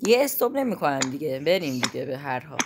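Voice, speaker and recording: A woman giving let's-play commentary, anxious and exclaiming in quick repeated words, then talking herself back to calm. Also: sits low. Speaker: gamer playing a climbing game. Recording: loud clicking noise behind voice.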